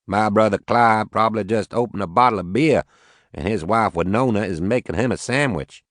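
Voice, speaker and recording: A man's voice: fairly low pitch, moderate pace, fairly bright tone, dry recording, clean studio sound, pitched above the performer's own voice, natural voice. A male narrator voicing a blunt, crude farmer from the rural American South, with a Southern accent, curse words and all. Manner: crude, blunt, folksy cursing.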